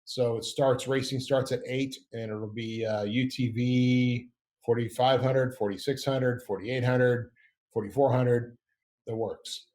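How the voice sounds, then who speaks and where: A man's voice: medium pitch, steady tone, measured pace, a little mellow. A middle-aged man hosting a casual podcast, rambling and upbeat, often correcting himself as he goes. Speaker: podcast host. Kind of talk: casual chat.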